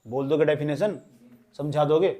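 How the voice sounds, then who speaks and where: A man's voice: on the high side, moderate pace, mellow. A young male physics teacher in a classroom, urging students along, repeating phrases and calling on them by name.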